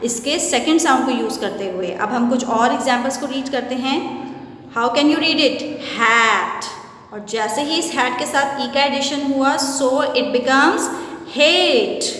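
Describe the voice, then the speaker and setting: A woman teaching an English phonics lesson, speaking slowly and patiently, mixing Hindi and English and asking questions she then answers herself. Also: sits high. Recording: echoey room with long reverb.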